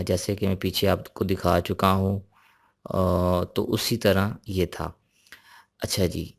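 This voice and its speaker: A male teacher leads a recorded language lesson, drilling sounds one by one. His voice sits low and stays fairly level. He explains things slowly and patiently.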